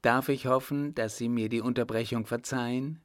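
A man's voice: medium pitch, steady tone, normal speed, close to an everyday voice. A man reading the lines of a curt, commanding, sarcastic emperor in an audiobook. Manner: clipped, imperious.

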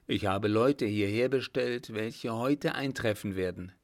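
A man voicing a confident young lieutenant in a calm, assured way, in a storybook reading. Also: fairly low pitch, unhurried, gravelly.

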